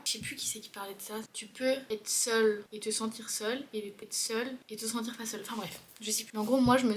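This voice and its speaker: Brief: young woman, 20, casual vlogger, slightly high voice, rambling and filler-heavy, faint background hiss. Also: a bit bright. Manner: chatty, rambling, many fillers like genre and euh. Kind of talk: casual vlog chat to camera. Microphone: handheld compact camera mic.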